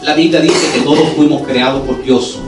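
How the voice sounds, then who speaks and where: A pastor preaching a sermon in church, earnest and turning lively when he tells a story, with English words dropped in. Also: mid-range voice, moderate pace, distant mic. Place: church sanctuary. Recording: echoey church hall, voice from afar, music under it.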